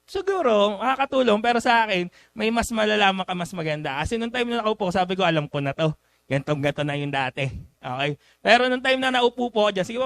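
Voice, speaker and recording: A man's voice: high-pitched, vocal fry, fairly bright tone, no room sound. A young man giving a joking motivational talk to a live seminar audience, teasing people with call-and-response questions. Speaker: business seminar speaker.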